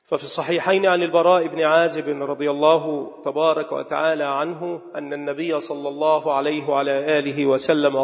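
Gravelly-voiced man preaching in an echoing hall. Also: fairly high pitch. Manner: measured, dictating slowly with repeated words for note-taking. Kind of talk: sermon. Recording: dull echoing hall sound.

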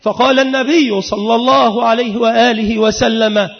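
A man preaching a sermon in an emphatic, rhythmic style that rises into sung and shouted passages. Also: very high-pitched, fairly even intonation, normal speed, vocal fry. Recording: long hall reverb, dull lo-fi sound.

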